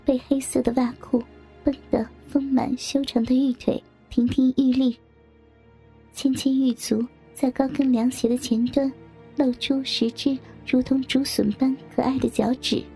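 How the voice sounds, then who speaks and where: A woman tells a first-person audio story in a soft, intimate voice. Her tone is dark and mellow, with a gravelly, husky grain. Faint music plays beneath her narration. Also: sits high, flat delivery, measured pace.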